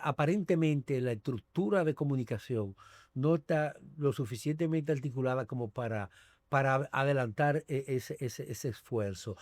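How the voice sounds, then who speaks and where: A man's voice: mid-range voice, a little mellow, no room sound. A man hosting a political talk show, asking long conversational questions with frequent hesitations.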